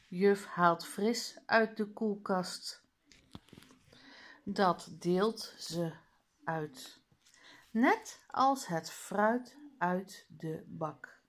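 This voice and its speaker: A woman reading a children's reader aloud, clearly and deliberately, calling out the page numbers. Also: mid-range voice. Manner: slow, clear, sing-song.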